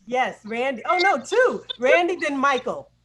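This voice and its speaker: A woman who is a director and acting coach hosts an informal live Q&A on a video call. Her voice is high-pitched, sing-song and fairly bright, and she speaks a little slowly. The call is noisy and has clicks.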